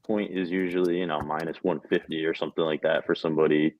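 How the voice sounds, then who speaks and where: Very low male co-host, relaxed and halting, on a dull, dry lo-fi mic. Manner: laid-back, hesitant, lots of fillers. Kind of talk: casual sports betting chat.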